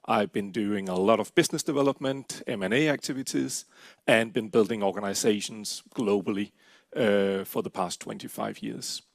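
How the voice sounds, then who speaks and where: A middle-aged man from Denmark presents his company at an investor event in English with a Danish accent. He is businesslike and steady, using frequent "uh" fillers, and his lowish, creaky voice moves at a moderate pace with no echo.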